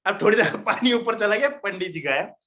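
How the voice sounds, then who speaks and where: Bright-voiced storytelling man, lo-fi. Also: high voice, fairly quick. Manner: animated, chatty, tags lines with "right?" and "isn't it?"; laughs at his own story. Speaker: presenter at a business meeting. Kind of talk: storytelling presentation.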